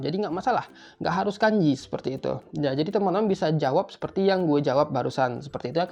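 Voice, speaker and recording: Fast-talking chatty man. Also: fairly high pitch, gravelly, a little mellow. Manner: chatty, informal, keeps repeating a filler tag. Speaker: tutor for job interviews in Japan. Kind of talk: casual explainer video. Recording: slightly muffled, faint music behind.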